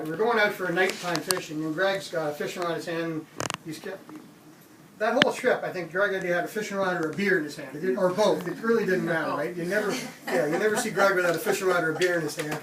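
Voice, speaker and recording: A middle-aged man from Canada casually telling a funny camping story, animated and laughing often. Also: a little high, noisy background. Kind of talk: casual spoken anecdote. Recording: roomy, distant mic with background ambience.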